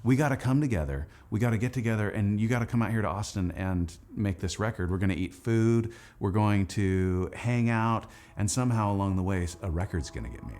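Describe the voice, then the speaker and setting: An Anglican priest who is also a musician narrates making his record in a lowish, expressive, slightly mellow voice. He talks fairly quickly with hardly any pauses, keeping it casual and enthusiastic like a video diary, full of "like" and "dude."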